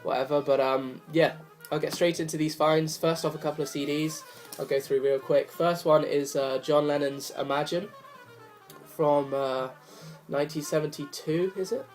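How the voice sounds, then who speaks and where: A young adult vinyl vlogger, hoarse from a cold, chats to camera about his records at a normal speed in a steady, somewhat high voice. He's rambling and apologetic, filling the gaps with ums, over faint background jazz.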